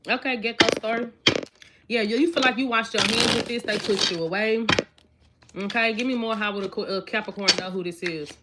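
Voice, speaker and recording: Chatty woman in her 20s doing a tarot reading, keeps repeating herself, cards shuffling loud in the background. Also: on the high side, fairly quick. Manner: chatty, repetitive, talks straight to viewers. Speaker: tarot reader. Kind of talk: casual tarot reading to viewers. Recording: card shuffling noise clearly audible. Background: shuffling cards and clicks.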